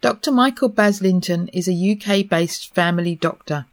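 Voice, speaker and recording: A woman's voice: fairly low pitch, moderate pace. A woman hosting a podcast, introducing and questioning a guest. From Essex, England. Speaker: podcast host. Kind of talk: scripted introduction and interview hosting.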